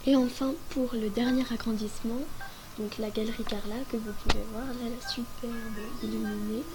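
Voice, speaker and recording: A woman with a hoarse, sick voice giving an informal, explanatory tutorial voice-over. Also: a little high, flat delivery, moderate pace, low-quality recording. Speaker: video creator presenting a game guide. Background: background music.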